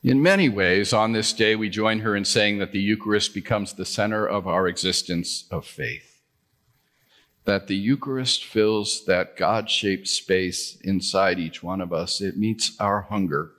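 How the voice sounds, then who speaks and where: A man preaching a sermon in church, reflective and gently personal. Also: lowish voice, measured pace. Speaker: pastor.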